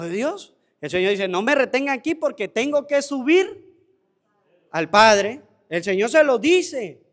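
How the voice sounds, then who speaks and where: A priest giving a homily at mass, with a Venezuelan Spanish accent, asking rhetorical questions and answering them himself, repeating phrases for emphasis. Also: male voice, high-pitched.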